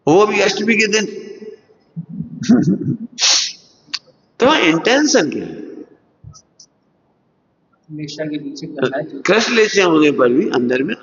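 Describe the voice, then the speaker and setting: A man teaching in sermon style, his fairly high voice ringing with a long hall reverb. He keeps firing rhetorical questions at his listeners and slips into other people's voices to act out everyday scenes. The sound is dull and lo-fi. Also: sing-song, slow pace, pauses often. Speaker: religious teacher giving a discourse. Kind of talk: Hindi sermon to students. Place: large lecture hall at a school.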